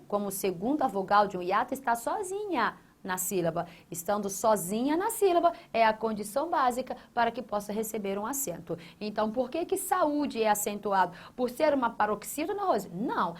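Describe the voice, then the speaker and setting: A woman with a fairly high voice leads a grammar lesson. She is emphatic and keeps putting questions to her student, then answering them herself. She repeats each key phrase to drive it home. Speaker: Portuguese grammar teacher.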